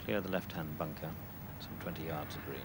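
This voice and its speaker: A man giving explanatory live golf commentary in a measured, analytical manner. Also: extremely low pitch. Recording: clear outdoor background noise.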